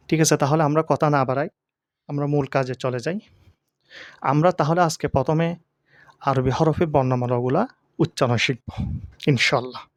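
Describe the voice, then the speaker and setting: A man teaching the pronunciation of Arabic letters for Quran reading. He asks questions and answers them himself, and he draws each letter sound out slowly. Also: a little high, dry recording. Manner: slow, drawn-out letter sounds.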